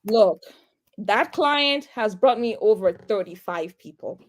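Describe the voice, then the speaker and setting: A real estate agent telling a personal story in an interview, animated and acting out the dialogue she recalls. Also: mid-range voice, takes it slowly. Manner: animated, acts out quoted dialogue.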